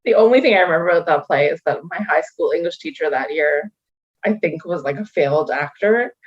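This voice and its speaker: A woman's voice: low voice, animated, a little fast, husky, highs cut off. A woman guest on a podcast in casual chat, wry and laughing through her stories.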